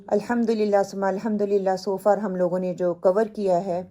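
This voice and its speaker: Woman teacher going over quran word meanings, warm low-key tone, drills lists slow and steady. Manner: repeats word lists slowly, drilling students; opens with prayers and blessings. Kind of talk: Urdu language lesson mixed with English.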